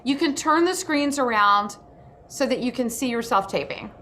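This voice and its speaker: Her voice sits on the high side, expressive and bright with a forceful tone, at a normal speed. The woman, a host and photographer, leads a casual workshop indoors in a chatty, informal and emphatic manner, while noticeable background noise runs under the recording.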